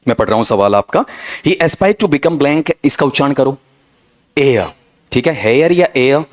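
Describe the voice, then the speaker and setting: Man coaching English grammar. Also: lowish voice. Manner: drilling, questioning students, calls them beta ji. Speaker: English teacher. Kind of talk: exam coaching lesson.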